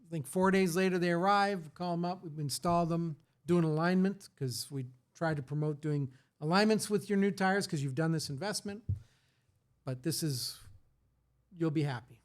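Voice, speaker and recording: A middle-aged man who owns a tire shop, telling an animated story and acting out what his customer said. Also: on the high side, normal speed. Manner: animated anecdote teller, acts out customer quotes. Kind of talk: storytelling in casual podcast chat.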